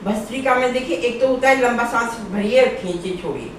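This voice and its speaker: A woman's voice: a little high, a little fast, a little hiss or hum. A woman yoga instructor patiently guiding viewers step by step through breathing exercises. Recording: very echoey room, far from mic.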